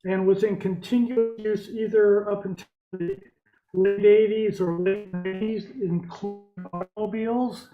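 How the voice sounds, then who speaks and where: A man's voice: high voice, fairly even intonation, moderate pace, lo-fi sound, music in the background. A man chairing a meeting over a conference call that breaks up, plain-spoken with dry asides. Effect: conference call audio, breaking up. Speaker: board chair.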